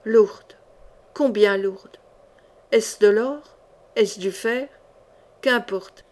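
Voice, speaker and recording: A woman voicing a mad king who broods and then rants, his voice described as raspy and powerful. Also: medium pitch, steady tone, takes it slowly, lightly acted. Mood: brooding. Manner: ranting, thunderous outbursts. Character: mad middle-aged king, raving and bitter.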